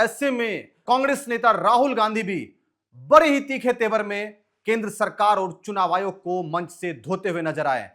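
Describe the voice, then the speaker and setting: A man's voice: sits high, a bit bright. A man reading scripted news narration as a presenter. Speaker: news presenter introducing a speech clip.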